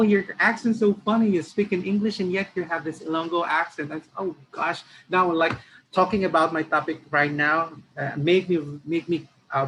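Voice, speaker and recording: A man's voice: medium pitch, fairly bright tone, slight background noise, low-quality recording. Candid Filipino man giving a webinar talk. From Philippines. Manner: candid, self-critical, mixes Tagalog into English. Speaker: webinar speaker for teachers.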